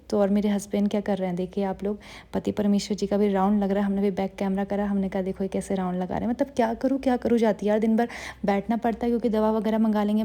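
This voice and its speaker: A woman's voice: mid-range voice, mellow. A woman narrating her day in a chatty, teasing way, sounding tired. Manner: chatty, teasing, storytelling with quoted asides. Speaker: vlogger. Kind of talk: casual vlog narration.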